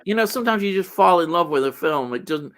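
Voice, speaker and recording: An older man from Yorkshire with a local accent and a slightly high-pitched voice. He hosts a relaxed chat about film and television, talking with enthusiasm and wandering from thought to thought. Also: fast talker. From Yorkshire, England. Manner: enthusiastic, rambling. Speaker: show host.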